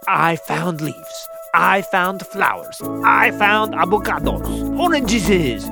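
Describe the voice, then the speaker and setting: A woman's voice: on the low side, big pitch swings, slow, gravelly, over music, heavily acted. A woman voicing a curious, literal-minded alien boy who calls humans earthlings, with a whimsical, wide-swinging delivery.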